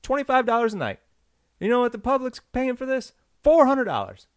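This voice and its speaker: Brief: man doing a cheesy pushy pitchman, raised bright pitch, dry sound. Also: wildly swooping pitch, fairly quick, smooth, no echo, heavily acted. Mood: upbeat selling. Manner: showy salesman patter.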